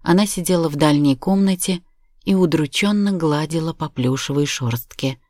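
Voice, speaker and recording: Low-voiced woman narrating steadily. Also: no echo, studio quality. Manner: measured, steady storytelling. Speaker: audiobook narrator. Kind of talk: scripted narration.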